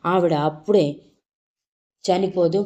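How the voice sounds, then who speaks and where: A woman's voice: on the low side, moderate pace, warm tone, close to an everyday voice. Woman voicing a distraught young husband. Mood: disbelieving. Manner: pleading, insistent questions.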